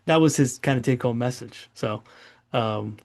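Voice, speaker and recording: Man, 40s, webinar host, rambling, long-winded, gravelly voice. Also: medium pitch, moderate pace. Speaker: doctor hosting a webinar. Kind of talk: casual webinar Q&A.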